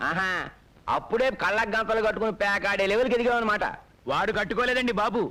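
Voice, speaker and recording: An actor playing a sneering, sarcastic card player in a film comedy. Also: male voice, high-pitched, fairly even intonation, fast talker, sharp tone. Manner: sarcastic scolding. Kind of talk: Telugu film comedy acting.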